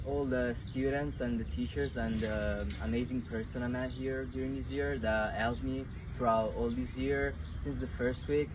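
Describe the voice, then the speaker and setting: A man's voice: medium pitch, steady tone, moderate pace, few pauses. Teen boy, distant, traffic behind. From Italy. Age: teens. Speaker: exchange student. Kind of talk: recorded thank-you message. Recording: distant, dull, loud traffic noise.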